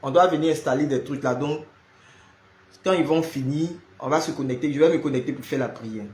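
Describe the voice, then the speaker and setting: A man's voice: fairly high pitch, a little fast, darkish tone, a little hiss or hum. Chatty man, roomy sound. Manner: chatty, greets viewers by name, peppers speech with "là" and "hein". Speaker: live-stream prayer host. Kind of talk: casual live-stream chat with viewers. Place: home. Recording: roomy echo.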